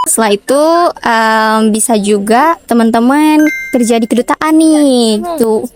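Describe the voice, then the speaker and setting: A woman's voice: on the high side, measured pace, a crowd in the background. A young woman from Indonesia co-hosting a casual educational chat, sprinkling in Japanese words. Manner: peppers talk with Japanese words. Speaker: co-host representing Japanese literature studies.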